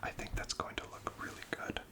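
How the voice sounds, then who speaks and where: A whispered role-play in a breathy, unvoiced whisper, as a gentle, attentive shop assistant encouraging a customer. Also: a little fast. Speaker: ASMR performer playing a card shop assistant.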